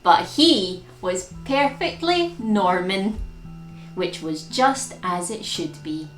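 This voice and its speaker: A woman leads storytime, reading a picture book to young children expressively and landing key words with dramatic emphasis. She speaks slowly, with a medium pitch and lively intonation. Plucked guitar music and a roomy echo fill the recording.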